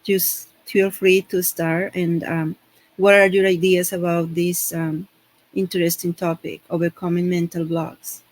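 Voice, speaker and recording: Hesitant woman hosting, flat voice. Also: on the low side, a little slow, poor audio. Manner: hesitant, many "um" and "uh", non-native phrasing. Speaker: host of an online panel. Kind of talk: hosting an online live panel.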